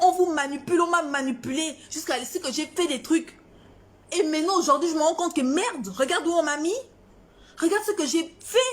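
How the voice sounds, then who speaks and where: A woman from Gabon, a singer, delivering a defiant, confrontational social media rant, repeating her points for emphasis. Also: high voice.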